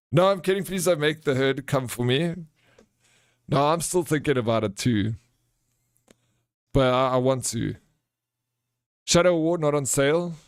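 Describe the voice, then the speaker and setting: A man's voice: mid-range voice, dry recording, clean studio sound. A man with a South African accent hosting a livestream, chatting casually and answering viewers in a chummy, informal way. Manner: chummy, informal, calls viewers bro and friend. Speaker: livestream host.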